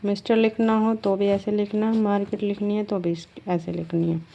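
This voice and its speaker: A woman's voice: mid-range voice, flat delivery, moderate pace, gravelly, dark tone, highs cut off. A woman teaching a shorthand lesson step by step, patiently asking her students questions and then answering them herself, drawing out words as she writes. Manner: drags out words while writing.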